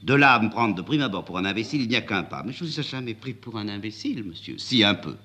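A man's voice: on the low side, expressive, fast, sharp tone. A man voicing a young aristocratic prince, haughty and formal, with stiff, ironic speech.

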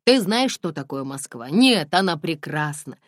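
Woman voicing a gruff driver guy, lecturing, lowish voice, dry sound. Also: very animated, unhurried, no echo. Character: grown man, driver, gruff but caring.

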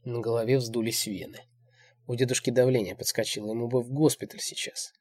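Male audiobook reader, husky, measured delivery. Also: mid-range voice, fairly even intonation, darkish tone. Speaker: audiobook narrator. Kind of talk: first-person audiobook narration.

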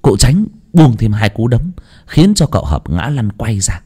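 A male storyteller narrates a dramatic tale with great expression. His pitch swings widely from line to line, stretching and pulling back for effect. His voice sits in a middle register. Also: big pitch swings, a little slow, warm tone, husky.

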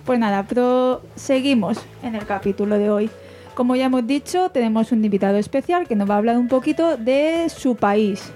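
Mujer presentadora de pódcast, voz algo aguda. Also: female voice, on the high side, normal speed, warm tone, faint music behind. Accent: Spanish from Alicante. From Spain. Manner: chatty, asks questions with frequent restarts. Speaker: podcast host. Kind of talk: casual podcast interview.

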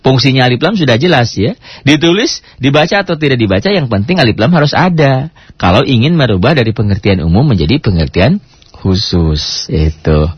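A man teaching a Quran reading lesson, lively and drawing out Arabic words to demonstrate them. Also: mid-range voice, breathy edge, dry recording. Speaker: Islamic teacher. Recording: dull lo-fi sound.

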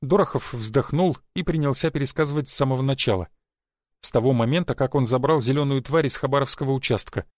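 A man narrating an audiobook in a steady, measured reading. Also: mid-range voice, no room sound, clean studio sound. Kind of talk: scripted narration.

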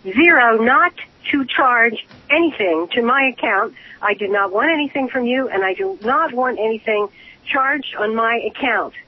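A woman's voice: a little high, animated, normal speed. Indignant woman heard over the phone. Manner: indignant, insistent, repeats herself. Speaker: prank call target. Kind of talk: angry phone argument. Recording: muffled phone line with faint hiss.

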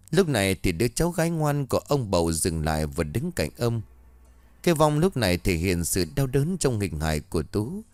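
A man's voice: on the low side, a little mellow, no room sound. A man narrating a ghost story with dramatic storytelling.

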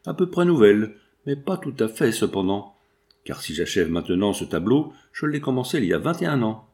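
A man voicing a calm, watchful male painter who explains things in a measured, deliberate way. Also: lowish voice.

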